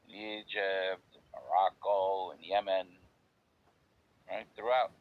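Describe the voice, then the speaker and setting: A man's voice: sits low, fairly even intonation, slow, phone-quality sound. A man with a New York accent hosting a casual chat, laid-back and joking, stretching words for emphasis. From United States. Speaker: host.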